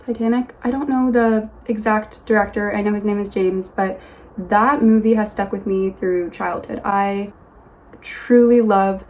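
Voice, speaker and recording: Soft-spoken young woman rambling in her bedroom. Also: mid-range voice, steady tone, low-quality recording. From Los Angeles, USA. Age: young adult. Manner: soft, rambling, with many pauses and restarts. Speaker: vlogger. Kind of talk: casual get-to-know-me vlog. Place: her bedroom, sitting on a yoga mat. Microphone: phone camera.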